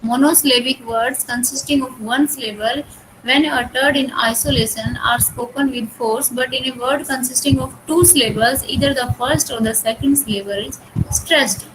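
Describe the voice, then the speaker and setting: Indian woman lecturer, Hindi native, Indian English accent, high pitch, unhurried classroom delivery. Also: background noise. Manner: reads English text slowly, then explains it. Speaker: college English teacher.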